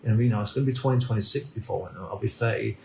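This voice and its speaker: A man in his thirties from the UK, musing aloud in a slow, halting vlog monologue with many restarts. His voice sits on the low side with a gravelly edge. It is recorded in an echoey room over a faint ambient hum. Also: darkish tone. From United Kingdom. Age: 30s. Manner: halting, repeats words and restarts often. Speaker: vlogger. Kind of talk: reflective personal monologue.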